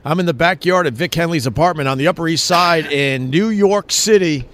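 A man's voice: fairly high pitch, fairly quick, a bit bright. A man hosting a casual, playful podcast chat outdoors in a city backyard. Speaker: podcast host. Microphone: own podcast microphone.

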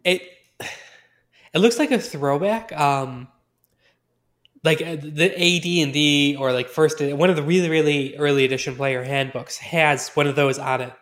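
A man's voice: on the high side, moderate pace, a bit bright. A man hosting a podcast, chatting casually about tabletop fantasy gaming. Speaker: podcast host.

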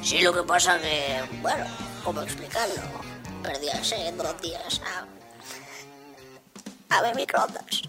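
A man's voice: high voice, animated, a little slow, long pauses, over music. A man voicing a crude, insulting squirrel who calls a radio show from hell, with an accent from Spain. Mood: sheepish. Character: foul-mouthed squirrel-rat caller from hell.

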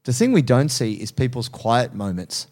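A man's voice: medium pitch, sing-song, moderate pace, darkish tone. A man in his thirties, a strength coach and personal trainer, talking candidly and earnestly in casual podcast chat, laughing easily.

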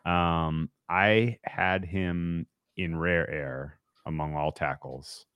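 A man co-hosting a casual sports podcast, answering in a relaxed, measured way. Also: sits low, clean tone, dry recording. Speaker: podcast co-host.

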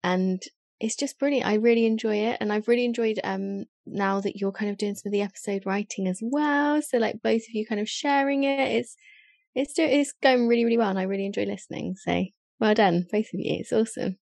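Chatty woman with a creaky, dry-recorded voice. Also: medium pitch, a little fast, a little mellow, dry recording. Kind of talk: casual chat.

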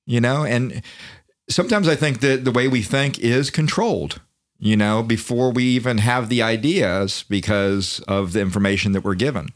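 A man of middle pitch talks fast and lively in a casual podcast chat, swearing freely and tripping over his own restarts as ideas come. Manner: animated, profane, repeats words when starting thoughts. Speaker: podcast co-host.

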